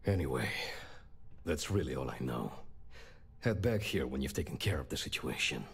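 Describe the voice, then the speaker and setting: Deep, very husky luxury shopkeeper. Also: male voice, expressive, normal speed, heavily acted. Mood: cautioning, courteous. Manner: formal, genteel salesman's courtesy. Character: polite, haughty luxury goods shopkeeper, adult man. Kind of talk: video game character dialogue.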